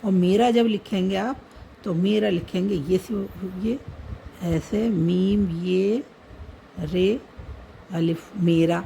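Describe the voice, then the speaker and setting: A woman teacher talks through a writing lesson very slowly, naming letters one at a time and repeating each word. Her voice is low, dark and gravelly with creak. A faint hiss of background noise sits under the recording. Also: poor audio. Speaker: language teacher. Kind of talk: slow step-by-step writing lesson.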